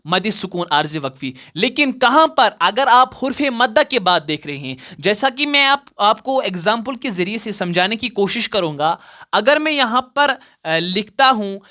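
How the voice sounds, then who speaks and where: A man's voice: high-pitched, sharp tone. A man teaching Quran recitation rules, patiently repeating each point and asking his students questions before answering them. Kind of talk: explaining recitation rules at a board.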